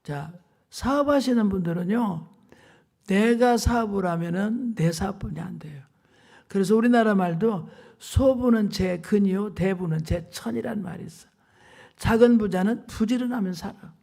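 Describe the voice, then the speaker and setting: A woman preacher delivers a revival sermon with a gravelly, creaky edge to her voice. She tells stories in an animated way and drives her points home with emphatic exclamations. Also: medium pitch, moderate pace. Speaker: evangelist preacher. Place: church revival meeting.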